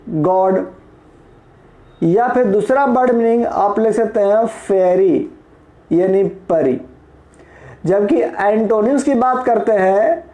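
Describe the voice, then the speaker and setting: Male tutor from Bihar, patient and explanatory, soft mellow tone, roomy echo on the recording. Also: sits high. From Bihar, India. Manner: patient, explanatory, spells words letter by letter, asks rhetorical questions. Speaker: teacher. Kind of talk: classroom lesson explaining English vocabulary.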